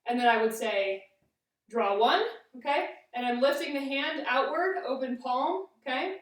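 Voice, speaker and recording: A woman's voice: high-pitched, normal speed. A woman teaching fencing as an instructor, explaining a demonstration step by step and often checking in with a short "okay?". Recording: very echoey room, distant microphone.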